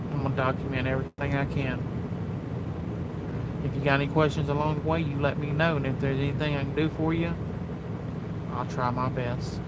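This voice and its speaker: A man's voice: mid-range voice, heavy background noise. A man from Texas, a truck driver vlogging in a rambling, folksy way about his life on the road. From Houston, Texas. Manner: rambling, folksy, repeats himself. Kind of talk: casual vlog monologue.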